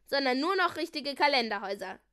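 A woman's voice: high-pitched, lively intonation, fast talker, pushed and bright, pitched above the performer's own voice. A woman voicing a shy young prince making earnest proclamations. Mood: solemn. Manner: earnest, slightly bashful.

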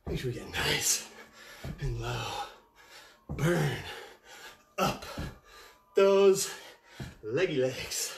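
A fitness coach leading a live workout, energetic and encouraging, counting down reps and puffing out loud breaths while exercising along. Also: medium pitch. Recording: echoey room with faint music.

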